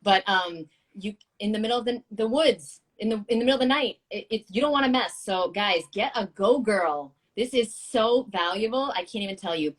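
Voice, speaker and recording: A woman in her thirties hosting a casual live-stream chat, excitable and quick to laugh, swearing casually. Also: medium pitch. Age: 30s. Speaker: show host.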